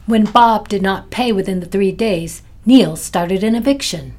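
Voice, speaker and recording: A woman narrates a scripted story with wry, playful timing. Her voice sits at a middle pitch. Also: unhurried, a little mellow.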